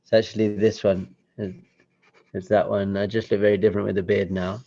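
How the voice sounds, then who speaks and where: Gravelly low-voiced man giving a chatty talk. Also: level tone, a little fast, warm tone, lo-fi sound. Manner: chatty, self-deprecating, acts out voices with laughter. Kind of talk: motivational talk with slides.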